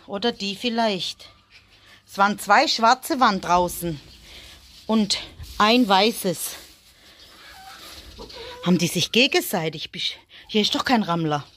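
A woman's voice: mid-range voice, fairly bright tone. Lady vlogging, chatty, talks to her bunnies, mutters under her breath sometimes, mid voice. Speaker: family vlogger. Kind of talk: casual vlog chat while looking after rabbits.

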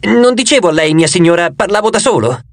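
A man's voice: sits high, lively intonation, fast talker, no echo, voice pushed up. A man reading an audiobook, voicing the gleeful, teasing face of a two-faced male god. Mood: flustered.

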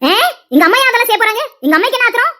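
Woman doing a shrill quarrelsome young wife. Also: animated, racing, pushed and bright, heavily acted. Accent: Tirunelveli Tamil. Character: sharp-tongued defiant young wife. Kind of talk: cartoon dialogue acting.

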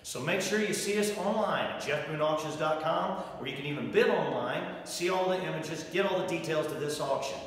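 Auctioneer guy pitching a farm sale, higher voice, big echoey barn with long reverb. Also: a little fast, few pauses. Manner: upbeat sales pitch, listing items. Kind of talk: promotional walkthrough. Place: large barn and indoor toy room.

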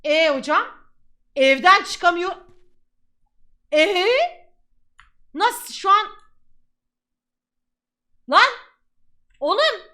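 Excitable high-voiced woman gamer. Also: extremely slow, pauses often. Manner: excitable, shouts at the game, laughs often. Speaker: gaming YouTuber. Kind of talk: let's play commentary.

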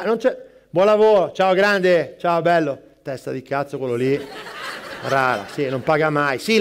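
In a live stand-up character sketch, a man with a voice that sits high plays a harried, foul-mouthed middle-aged barista. He juggles customers and calls at once, answering rapid-fire with snapping asides.

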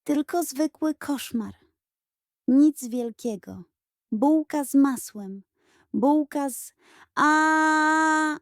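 The same timid koala, clumsy and quick to panic, is performed by a woman in an exaggerated, very high, trembling voice full of frightened squeaks and moans. Drawing out his words with long pauses, he nervously tries to reassure himself, captured up close in a dry recording.

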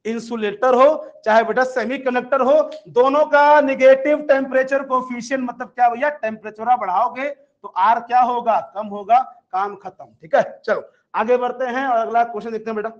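A man lectures an exam-prep class in a very high voice. He is chatty and coaxing, calling his students "beta" and "bhaiya". The recording is dull and lo-fi. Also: fairly even intonation, moderate pace. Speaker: exam coaching teacher.

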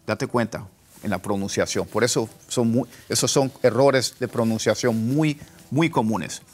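Slow-paced man teaching pronunciation. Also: mid-range voice, darkish tone, faint music behind. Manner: slow, repeats words for drill. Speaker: English teacher. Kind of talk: online pronunciation lesson.

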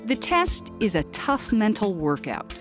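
Lively woman narrating a documentary. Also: mid-range voice, a little slow, music in the background. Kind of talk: scripted narration.

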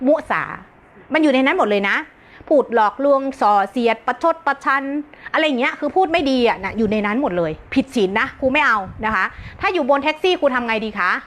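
A woman's voice: high voice, animated, a little fast. A woman teacher giving a brash, joking live-stream self-help talk, often breaking into laughter.

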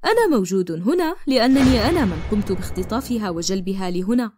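A woman voicing a scheming, mocking male kidnapper in an animated cartoon. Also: medium pitch, quick pace, background noise, natural voice. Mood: smug. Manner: mocking, commanding. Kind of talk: cartoon dubbing in formal Arabic.

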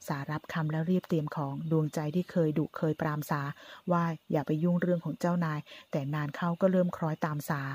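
Low husky woman reading a drama novel aloud. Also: dark tone. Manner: reads narration and voices all characters' lines in one voice. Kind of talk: audiobook narration with character dialogue.

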